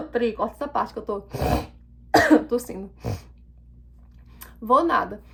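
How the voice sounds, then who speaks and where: A young woman telling a personal story in a casual, animated way, acting out the quoted dialogue. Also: on the high side, slow, gravelly. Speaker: vlogger.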